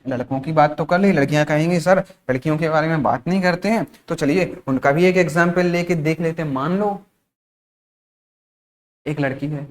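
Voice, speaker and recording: A male teacher from India leads a spoken-English class. He drills each word slowly and repeats it, poses questions and answers them himself, and adds short check-ins throughout to keep students with him. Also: on the high side. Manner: repeats words slowly, asks and answers his own questions; frequent checking-in tag phrases.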